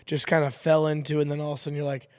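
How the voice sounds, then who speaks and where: Guy hosting a podcast, kinda high voice, just short questions n prompts, casual. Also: completely flat delivery, very fast, clean tone. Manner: brief encouraging prompts and questions. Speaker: podcast host. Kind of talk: casual interview. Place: podcast studio.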